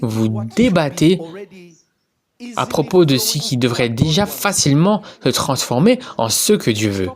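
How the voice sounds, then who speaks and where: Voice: mid-range voice, big pitch swings, a little slow. A preacher delivering a sermon, exhorting the congregation directly with commands and questions.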